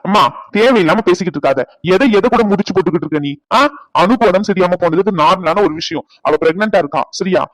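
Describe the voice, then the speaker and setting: A man plays an indignant cartoon son defending his wife, his lines racing out at a very fast clip. The voice sits fairly high for a man and is recorded dry and close. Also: no room sound, natural voice, rough recording. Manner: indignant, rapid arguing. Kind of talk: cartoon family-drama voice acting.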